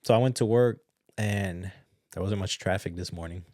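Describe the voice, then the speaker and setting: A man with a very low, deep voice talks casually as a podcast host, chatty and prone to repeating words in excited bursts. His voice is recorded close and dry, with no room sound at all. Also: normal speed, no echo. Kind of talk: casual solo commentary.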